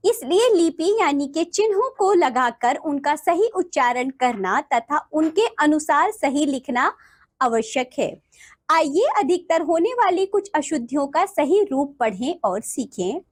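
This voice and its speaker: A woman with a high, lively voice leads a classroom lesson for children. She talks them through a grammar lesson and drills word pairs slowly and clearly. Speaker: teacher.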